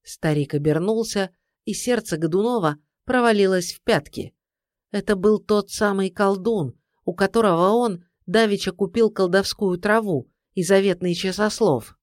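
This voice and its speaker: A narrator reading a historical tale aloud in a measured, dramatic way. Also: medium pitch, no echo, studio quality. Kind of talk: scripted audiobook narration.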